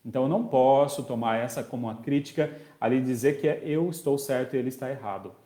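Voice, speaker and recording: A man teaching an online parenting course in a warm, mellow voice. He talks conversationally, reads viewers' comments aloud and replies, and keeps checking in with his audience. The sound is roomy, with a clear echo off the walls. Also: mid-range voice, quick pace. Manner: checks in often with tag questions. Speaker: special education teacher. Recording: echoey room.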